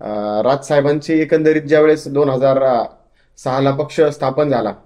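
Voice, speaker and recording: A man's voice: mid-range voice, normal speed, warm tone, roomy sound. A young man from Maharashtra, a party worker, answering interview questions earnestly, with hesitant restarts.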